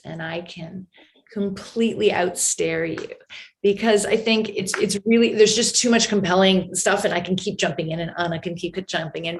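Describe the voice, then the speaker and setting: A woman's voice: on the low side, gravelly. A woman moderating an online discussion, talking thoughtfully with many fillers. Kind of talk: casual discussion on a video call. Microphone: video call.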